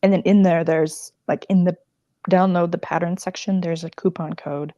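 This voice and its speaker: A woman's voice: fairly low pitch, fairly even intonation, normal speed, warm tone, no echo, muffled recording. A woman crochet designer chatting casually on a livestream, rambling and emotional with many fillers.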